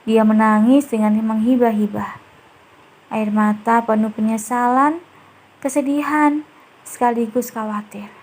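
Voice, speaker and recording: A woman narrating a romance novel aloud in a calm, measured storytelling manner. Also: fairly high pitch, rough recording. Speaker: audiobook narrator.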